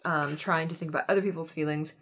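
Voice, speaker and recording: Lady cohosting a podcast at home, kinda low voice, chatty, laughs a lot. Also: fairly even intonation, fast talker, fairly bright tone, breathy edge. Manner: chatty, laughs often, repeats words for emphasis. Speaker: podcast co-host. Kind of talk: casual chat. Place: room in a house.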